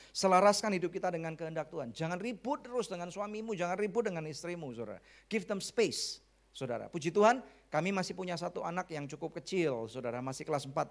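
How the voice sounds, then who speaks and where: A middle-aged man with an Indonesian accent preaches a sermon as a pastor. His voice sits a little high, and his delivery is lively and conversational, mixing jokes and English phrases into the preaching.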